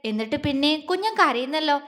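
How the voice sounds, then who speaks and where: A woman voicing a tender young husband who speaks softly and coaxingly to his crying wife. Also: high-pitched, lively intonation, fairly quick, big-room sound. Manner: soft and coaxing.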